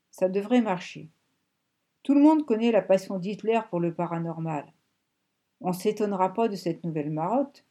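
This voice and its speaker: A woman narrator puts on an older German ex-soldier, tense and pressing, speaking up with urgency. The voice stays mellow and dark, read plainly for a storybook. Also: mid-range voice, natural voice. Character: old German ex-soldier man, scheming and tense. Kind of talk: audiobook reading.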